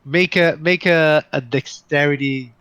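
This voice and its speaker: A man narrating a tabletop game as dungeon master, with many pauses and fillers. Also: fairly high pitch, fairly bright tone, rough recording. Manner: hesitant, many fillers, slow in places.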